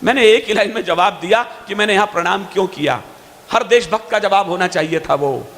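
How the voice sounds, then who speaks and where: A man's voice: high voice, brisk, a bit bright. Fiery man declaiming verse in a hall. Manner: fiery, emphatic, stretches key lines. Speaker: poet. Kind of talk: declamatory poetry recitation. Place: stage at a poetry gathering.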